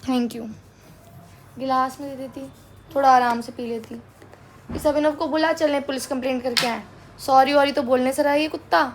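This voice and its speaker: A woman's voice: sits high, steady tone, normal speed, long pauses, a little hiss or hum. A young woman at home, scolding her younger brother and bossing him around in a family argument. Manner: scolding, bossy. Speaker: elder sister.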